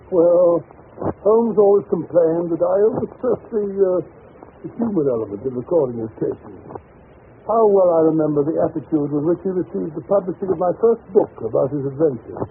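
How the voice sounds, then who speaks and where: A genial English doctor in an old radio mystery. His voice is high and creaky, with an avuncular, patient, slightly hesitant manner. The sound is thin and muffled. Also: expressive, normal speed. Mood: reminiscent. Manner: avuncular, reminiscing, mildly hesitant. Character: genial, patient male doctor, detective's loyal companion. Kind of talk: vintage radio drama narration and dialogue. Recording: muffled, noisy vintage radio recording.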